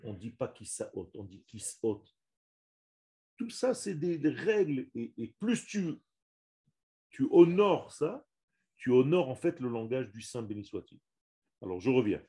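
A man gives a religious lesson on the Hebrew language to a few listeners. He talks slowly, with a mellow, dark tone, and keeps repeating and restarting his words. He leans hard on each Hebrew term. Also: medium pitch, sing-song. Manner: slow, emphatic, repeats and restarts words, stresses Hebrew terms. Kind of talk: religious lesson to a small audience.

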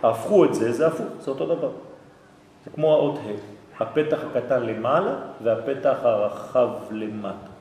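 A man teaching a lecture to a class, lively and often checking that listeners follow. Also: mid-range voice. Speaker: Torah teacher. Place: hall with an audience. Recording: echoey hall.

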